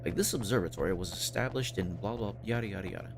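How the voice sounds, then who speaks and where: Deep-voiced man, wry game streamer. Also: fast, gravelly, background noise. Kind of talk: casual game commentary.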